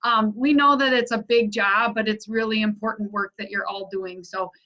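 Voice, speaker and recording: A woman's voice: mid-range voice, fairly even intonation, normal speed, sharp tone, lo-fi sound. A woman hosting a webinar, reading out questions and thanking her guest and the audience in a friendly, appreciative way. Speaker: webinar host.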